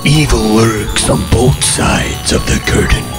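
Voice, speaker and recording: Menacing horror trailer voice, creaky, dramatic, hammy movie announcer, loud music behind. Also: male voice, on the low side, very animated, heavily acted. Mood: ominous. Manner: ominous, dramatic, drawn-out delivery.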